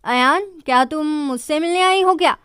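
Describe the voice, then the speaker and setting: A woman's voice: high-pitched, moderate pace, fairly bright tone, no echo, studio quality. A woman voicing a panicky, anxious young man. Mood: panicked. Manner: panicked, dramatic.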